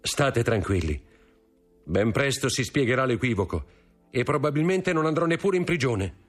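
A man voicing a reassuring, hopeful young male sailor in a raised pitch, as in an audiobook. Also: lively intonation, normal speed, soft background music, close to an everyday voice. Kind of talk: audiobook character voice.

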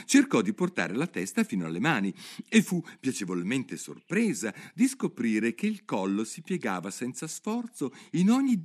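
A man narrating a children's storybook aloud with expressive, animated delivery. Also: fairly low pitch.

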